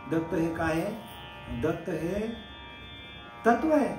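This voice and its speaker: A man, a spiritual teacher, giving a devotional discourse. He asks rhetorical questions, answers them, and slowly chants verses. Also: high-pitched, animated, a little mellow, echoey room, faint music behind.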